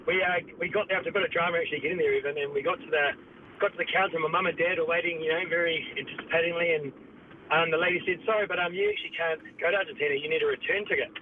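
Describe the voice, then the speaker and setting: A man's voice: fairly high pitch, steady tone, rapid-fire. A man with a New Zealand accent, telling a personal story casually as a radio caller on a muffled, noisy phone line.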